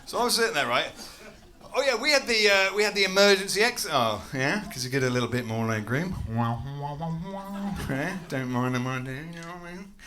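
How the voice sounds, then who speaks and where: With a slightly high, animated voice that is bright and forceful, this Englishman moves fairly quickly through a stand-up routine. He mocks himself, swears often and chats with a laughing comedy club audience whose laughter is audible.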